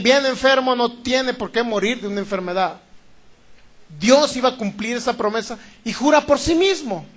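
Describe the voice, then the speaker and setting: A man from Sinaloa with a northern Mexican accent preaching a sermon, loud and emphatic, repeating key phrases and often asking the congregation whether they understand. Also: high-pitched. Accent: Sinaloan Mexican Spanish.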